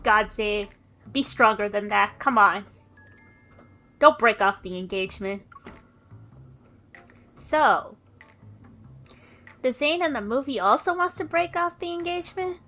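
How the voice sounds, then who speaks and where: Brief: a woman streamer, high and bright voice, excitable game reactions, faint music behind. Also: a little slow, pauses often. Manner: excitable, reacting loudly, joking. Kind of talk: casual game reaction chat.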